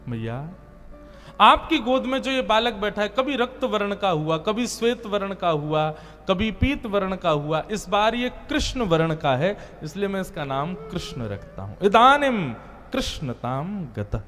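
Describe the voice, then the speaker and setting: High-voiced man telling a devotional story. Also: moderate pace. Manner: expressive storytelling with chanted Sanskrit verses. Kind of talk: sermon. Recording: long hall reverb with soft music behind.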